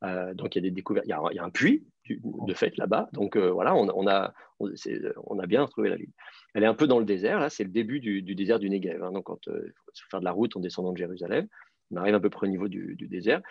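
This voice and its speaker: Gravelly-voiced man teaching a class. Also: deep voice, fast talker, dry recording. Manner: hesitant, many fillers and restarts, explanatory. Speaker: teacher of biblical Hebrew. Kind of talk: online class lecture. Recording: dull, dry lo-fi sound.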